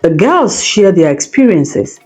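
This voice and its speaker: A woman with a lowish, soft, mellow voice and a slightly husky grain narrates a scripted folktale. She's unhurried yet very animated, her delivery rising and falling expressively while music plays behind her.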